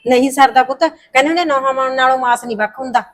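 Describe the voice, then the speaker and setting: A woman's voice: high-pitched, rapid-fire, a little hiss or hum, close to an everyday voice. An actress playing a middle-aged mother who soothes and pleads with her daughter, speaking. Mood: soothing. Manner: soothing, pleading, says "puttar" a lot. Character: soothing middle-aged mother smoothing over family quarrels. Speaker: the heroine's mother.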